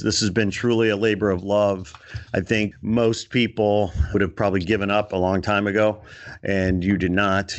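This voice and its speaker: Man, podcast host on a remote call; lowish voice, enthusiastic, rambly. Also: fairly bright tone. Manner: enthusiastic, rambling, many fillers and restarts. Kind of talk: casual interview chat. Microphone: remote call setup.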